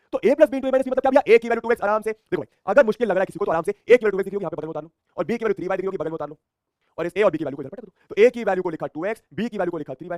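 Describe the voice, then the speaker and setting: A man's voice: high-pitched, a little mellow, no room sound, studio quality. A man teaching a math lesson online with energy, often repeating himself and answering his own questions in a student's voice.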